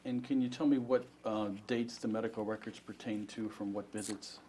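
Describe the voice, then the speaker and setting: Speaking with a mellow, lowish voice and fairly even intonation, a man questions a witness at a moderate pace as the plaintiff's attorney in a formal deposition. He stays polite, methodical, and procedural. The audio is poor, with faint room noise.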